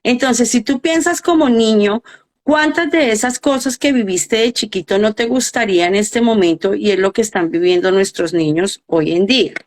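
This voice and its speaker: A woman's voice: mid-range voice, moderate pace. Earnest middle-aged woman explaining parenting. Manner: earnest, explanatory, asks rhetorical questions. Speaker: guest coach and educator. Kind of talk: live interview talk.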